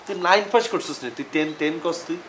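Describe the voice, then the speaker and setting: A man's voice: on the high side, quick pace, fairly bright tone, faint music behind, natural voice. A man playing a stern scolding older brother. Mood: lecturing. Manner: scolding, lecturing, bursts of anger. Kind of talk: TV comedy drama acting.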